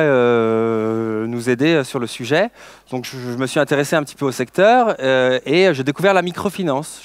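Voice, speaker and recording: Man, 30s, from France, conference speaker: mid-pitched, dry close sound, halting delivery with many fillers, chatty asides to the crowd. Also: clear, resonant tone, no room sound. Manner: hesitant, many fillers and restarts, playful asides to the audience. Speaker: social entrepreneur giving a conference talk. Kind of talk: storytelling conference talk.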